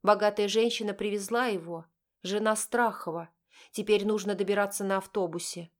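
A woman narrating an audiobook in a mid-range voice. Her delivery is measured and even, steady between the dialogue. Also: medium pitch.

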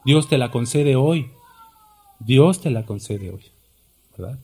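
A man's voice: mid-range voice, animated, slow pace, mellow, slightly rough. A male pastor preaching an impassioned, dramatic sermon full of rhetorical questions.

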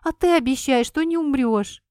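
A woman reading an audiobook and voicing an impulsive, sharp-tongued young heroine in a raised, emphatic voice. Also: lively intonation, normal speed, no room sound, clean studio sound, natural voice. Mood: emphatic, stubborn. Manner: emphatic, higher and livelier than the narration.

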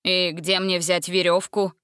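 A woman's voice: on the low side, level tone, measured pace, fairly bright tone, clear, resonant tone, no echo. A fearful boy who grumbles and complains in a sullen tone, voiced by a woman reading a storybook. The reading is close and dry. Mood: gloomy.

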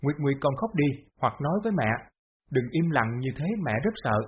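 A man reading the lines of a long-suffering middle-aged mother who speaks slowly and pleads. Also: mid-range voice, big pitch swings, slightly rough. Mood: tender. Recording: dull lo-fi audio.

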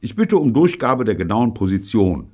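An exasperated grown man, as the narrator puts him on in a storybook reading, scolding impatiently in a raised, husky voice. He sounds short-tempered and incredulous. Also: on the low side, very animated, normal speed, mellow, voice pushed up. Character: exasperated adult man on the radio.

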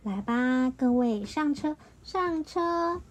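Woman voicing a calm, kindly clay big brother. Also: high voice, slow pace, full character voice. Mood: gentle.

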